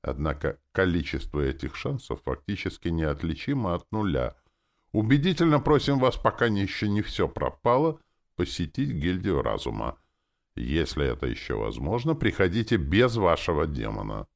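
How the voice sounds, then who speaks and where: A man's voice: low-pitched, big pitch swings, moderate pace, vocal fry, pitched above the performer's own voice, full character voice. A man voicing a formal talking magic program that delivers an officious announcement in an audiobook.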